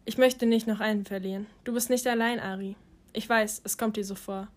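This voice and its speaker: A woman voicing a gentle, reassuring middle-aged mother in an audiobook. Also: mid-range voice, fairly even intonation, a little fast, close to an everyday voice. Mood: tender.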